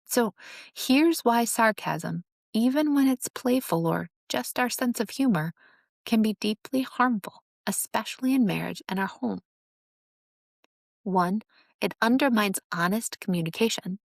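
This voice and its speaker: Woman, earnest teaching tone, gravelly fry, mid pitch, dry close sound. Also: lively intonation, a little slow, no room sound. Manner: earnest, instructive, acts out sarcastic examples. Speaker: host. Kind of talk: teaching monologue on relationships.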